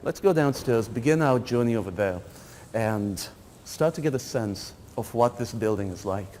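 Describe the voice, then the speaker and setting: Picked up by a far-off camera in corridors and a vacant lecture hall, a middle-aged man who lectures gives a critical, wryly dry tour of a building. His voice sits in the mid-range with a slight mellowness, and the hall's echo carries a faint hum of room noise.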